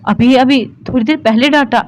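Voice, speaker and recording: A woman's voice: high voice, a little hiss or hum, pitched above the performer's own voice, close to an everyday voice. A young wife, voiced by the narrator, speaks in a wounded, pleading way, close to tears. Her lines rise a little above the narrating voice of this audio novel. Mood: hurt. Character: young wife, tearful and sulky.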